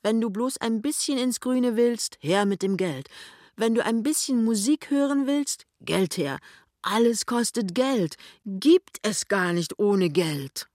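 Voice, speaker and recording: A man's voice: a little high, normal speed, no room sound, studio quality, natural voice. A man voicing an anxious, hesitant young salesman husband in an audiobook reading. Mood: grumbling. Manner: hesitant, grumbling.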